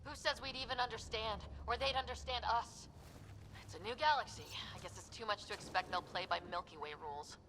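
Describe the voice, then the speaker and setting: A woman's voice: fairly high pitch, a little fast, bright, forceful tone. A woman playing a level-headed, resolute recon specialist in a sci-fi video game, composed and purposeful. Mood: regretful, reflective. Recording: noisy game battle ambience behind voice.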